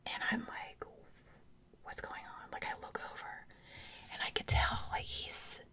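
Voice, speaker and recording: A woman's voice: a little slow, sharp tone. A woman whispers breathily and very close to the ear, telling personal stories in a casual, chatty ASMR style. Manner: chatty, informal, conversational asides. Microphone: close ear-to-ear ASMR microphone.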